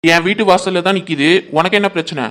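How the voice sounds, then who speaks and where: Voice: mid-range voice, fast talker, fairly bright tone, lightly acted. A performer voicing a feisty young woman in a cartoon who mocks and defies an old neighbour. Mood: defiant mocking. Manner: mocking, defiant.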